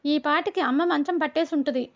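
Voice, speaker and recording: A woman doing a pleading schoolboy, high and earnest. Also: fairly quick. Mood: distressed. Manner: pleading, insistent. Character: pleading schoolboy arguing with gods. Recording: dull lo-fi recording.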